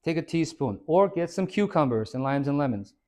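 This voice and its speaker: A man who is a fitness trainer, giving an informal, energetic talk to a small audience. He quizzes the listeners and tags many points with "right?". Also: fairly high pitch, brisk. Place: hair and skin salon, indoors.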